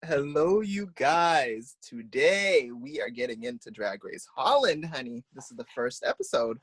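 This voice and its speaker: A man's voice: medium pitch, very animated, unhurried, fairly bright tone, husky. A man co-hosting a casual reaction chat, sassy and playful, calling people honey. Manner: sassy, says "honey", laughs often. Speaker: co-host of a reaction show.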